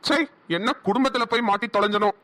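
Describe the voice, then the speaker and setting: Cartoon heavy: a woman playing a menacing male cop, Namakkal Tamil accent, bright and high. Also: steady tone, fast, lightly acted. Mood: vengeful. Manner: scornful, threatening. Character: arrogant young male police groom, menacing. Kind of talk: cartoon voice acting.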